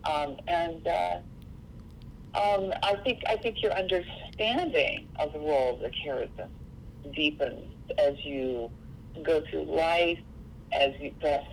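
A woman's voice: low voice, slow, creaky, slight background noise, low-quality recording. A woman from Seattle, speaking as an interview guest in an earnest, reflective way. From Seattle, USA. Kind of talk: interview conversation.

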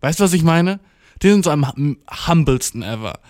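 A man's voice: a little high, expressive, fairly quick, a little mellow, no room sound, studio quality. A young man in a casual, rambling monologue, heavy with slang and English words, acting out the voices in his stories. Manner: acts out quoted dialogue while storytelling. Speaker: solo talker.

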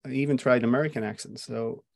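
A man's voice: medium pitch, steady tone, fast talker, creaky, a little mellow, no echo. Irish male playwright guest, reflective and musing, dry close mic. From Ireland. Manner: reflective, with frequent fillers and restarts. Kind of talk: conversational interview.

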